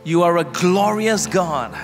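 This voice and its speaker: A male pastor at a pulpit microphone, leading a prayer and preaching in short measured phrases with pauses for an interpreter. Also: sits high, expressive. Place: large church hall. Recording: long hall reverb with music behind. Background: instrumental music.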